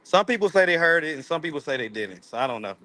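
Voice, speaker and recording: A man's voice: fairly high pitch, lively intonation, quick pace, pushed and bright, dry recording. A man, hosting a casual live stream from his phone, loose and playful, laughing often. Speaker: livestream host. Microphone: phone camera.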